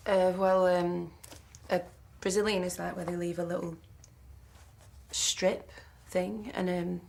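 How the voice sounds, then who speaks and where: Brief: a cautious soap character, halting speech, rough texture. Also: female voice, on the low side, flat delivery, darkish tone, slight background noise. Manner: hesitant, full of ums. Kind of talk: TV soap acting.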